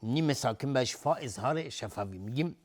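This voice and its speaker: A man teaching Quran recitation rules in Persian, chanting each verse slowly and then explaining the pronunciation rules quickly. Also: mid-range voice, animated, a little mellow. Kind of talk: Quranic recitation and tajweed lesson.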